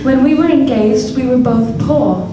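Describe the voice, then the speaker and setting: A sad young fiancée, measured, high voice, slow, echoey hall. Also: female voice, animated, background noise. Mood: sorrowful. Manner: measured, sorrowful. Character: Belle, young woman, sad and resolute. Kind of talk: live radio play acting. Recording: echoey hall recording from far off.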